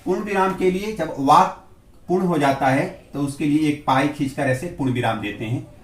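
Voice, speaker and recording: A man teaching a grammar lesson to students, explaining slowly and spelling out examples word by word. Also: fairly high pitch. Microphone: far from the mic. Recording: echoey room, from a distance.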